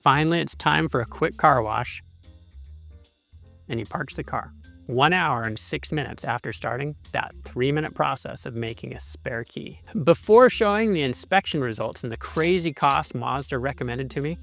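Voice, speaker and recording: A man's voice: medium pitch, lively intonation, moderate pace, vocal fry, a bit bright. A man hosting and narrating a consumer investigation with an emphatic, indignant delivery. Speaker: video host and narrator. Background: music.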